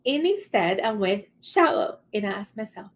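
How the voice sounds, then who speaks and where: A woman's voice: medium pitch, sing-song, normal speed. A woman coach giving motivational vlog advice in an earnest, conversational way, repeating words for stress and checking in with the listener.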